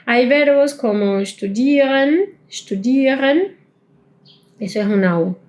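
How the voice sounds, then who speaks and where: Woman teaching, slow careful drills. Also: on the high side, a little mellow. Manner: repeats sounds slowly, drawn-out vowel drills. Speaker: German teacher. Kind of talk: pronunciation lesson.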